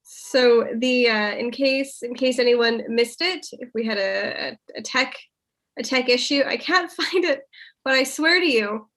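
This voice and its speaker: A woman's voice: sits high, unhurried, a bit bright. A woman co-hosting an improv live stream in a casual, chatty style. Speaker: improv show co-host.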